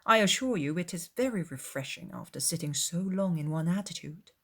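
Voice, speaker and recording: A woman's voice: on the low side, expressive, fairly quick, breathy edge. A woman voicing an affected, haughty young society lady with formal, persuasive phrasing in a dramatized classic novel. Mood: coaxing.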